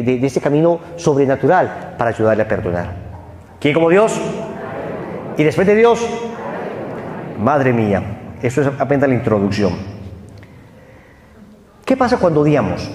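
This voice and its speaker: A man's voice: medium pitch, a little hiss or hum. A man with a Colombian Spanish accent preaching a sermon, telling a story and acting out voices. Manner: animated storytelling, acts out voices. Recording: echoey hall with faint ambience.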